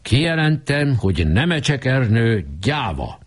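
A man's voice: mid-range voice, very animated, pitched above the performer's own voice. A man voicing a self-important schoolboy club president who speaks in a crackling, commanding tone. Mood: pompous.

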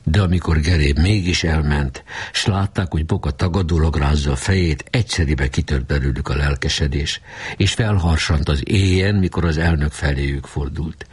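A man reading a novel aloud with expressive storytelling. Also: rumbling low, husky. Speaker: audiobook reader. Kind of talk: scripted narration.

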